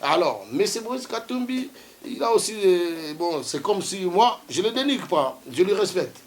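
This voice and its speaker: On a TV talk show, a studio guest from the Democratic Republic of the Congo argues his point in a heated debate, insisting and repeating himself to hold the floor. His voice is high and sing-song, and he speaks at a measured pace.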